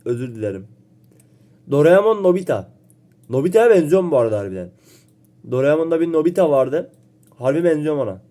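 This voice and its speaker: Talking to his viewers in a relaxed chat to camera, this young man is jokey and self-mocking, reacting quickly. His voice is on the high side, very animated and mellow, though a slight illness makes it sound a little off.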